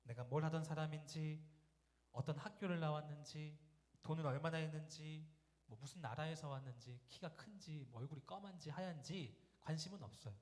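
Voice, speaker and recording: A man's voice: fairly high pitch, fairly quick, a little mellow. Man preaching a storytelling sermon in a reverberant hall. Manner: conversational, asks the congregation rhetorical questions. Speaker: guest pastor. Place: church sanctuary during a Sunday service.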